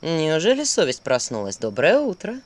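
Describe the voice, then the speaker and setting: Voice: mid-range voice, wildly swooping pitch, normal speed. A reader voicing a sly, sardonic talking owl who smirks as he speaks in a spoken fairy tale. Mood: mocking.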